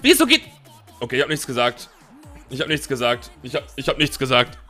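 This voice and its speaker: A man's voice: mid-range voice, very animated, fairly quick, pushed and bright, faint music behind. A man streaming a football video game who protests playfully with repeated denials. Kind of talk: live gameplay commentary.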